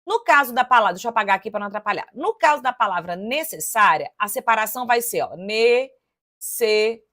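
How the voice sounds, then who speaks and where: Lively, chatty woman teacher. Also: on the high side, fast. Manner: lively and chatty, addressing students directly, counting syllables aloud. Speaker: Portuguese teacher. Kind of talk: exam-prep lesson, solving test questions aloud.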